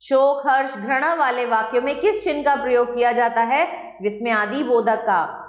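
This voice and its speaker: A woman's voice: fairly high pitch, normal speed, reverberant. A woman teacher explaining a grammar lesson to children step by step.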